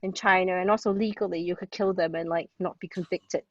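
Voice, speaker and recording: Amid crowd noise, a woman from Hong Kong speaks fairly quickly in a fairly low, steady voice. She's a guest playwright chatting enthusiastically about plays in a casual literary discussion, prone to digressions and frequent "like" and "you know." The sound is distant, dull, and lo-fi.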